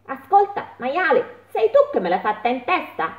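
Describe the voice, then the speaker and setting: A woman voicing a small nearsighted female mole who keeps asking the animals questions in a squeaky, exclaiming way, recorded with a tinny, phone-like sound in an echoey room. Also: sing-song, moderate pace. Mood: questioning.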